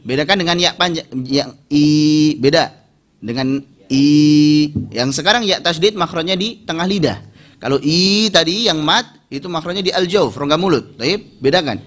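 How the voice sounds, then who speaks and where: An Indonesian man teaching Quran recitation, modeling each word slowly and then correcting and explaining. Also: on the high side, lively intonation, fairly bright tone. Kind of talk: step-by-step recitation lesson.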